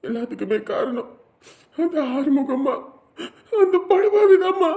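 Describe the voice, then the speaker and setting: A woman's voice: high-pitched, fairly quick, creaky, darkish tone. A woman voicing a distressed young son who has lost his job, speaking in a tearful, pleading way. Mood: distraught.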